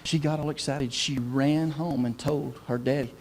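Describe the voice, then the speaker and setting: A man's voice: medium pitch, steady tone, normal speed, a little mellow, slight background noise. A middle-aged man, preaching a sermon in a folksy, humorous storytelling way. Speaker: pastor.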